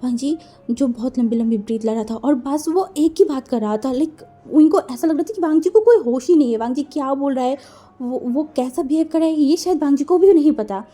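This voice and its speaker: A woman narrating fan fiction in an expressive, dramatic storytelling manner. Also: high voice, brisk, soft background music.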